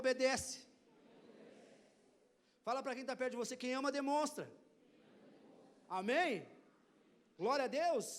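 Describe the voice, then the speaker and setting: A male pastor with a very high voice preaching to his congregation. He exhorts them to repeat his lines aloud and mixes in playful teasing. The delivery is a lively church sermon. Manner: urges the congregation to repeat phrases, jokes and teases.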